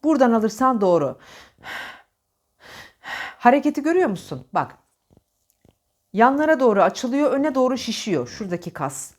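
A woman's voice: a little high, big pitch swings, normal speed, long pauses. Turkish woman coaching speech drills. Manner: demonstrates sounds by repeating drill syllables and words; talks directly to the viewer, coaching and encouraging. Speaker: diction teacher. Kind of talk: diction lesson with speech drills.

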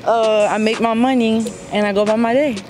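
A woman's voice: fairly high pitch, fairly even intonation, a little fast, darkish tone, slight background noise. A young woman answering a street interviewer's questions on a city sidewalk at night, frank and self-assured. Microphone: handheld mic held to her.

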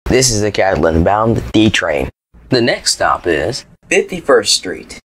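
A man reading scripted transit announcements like a subway or airport announcer, in a formal, measured manner. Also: on the low side, big pitch swings, a bit bright, slightly rough. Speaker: train announcer.

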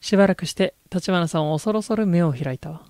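A game streamer reads horror story text aloud in feminine storytelling style. The voice sits at a middle pitch between typical male and female ranges. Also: a little fast, darkish tone, clean tone, no echo.

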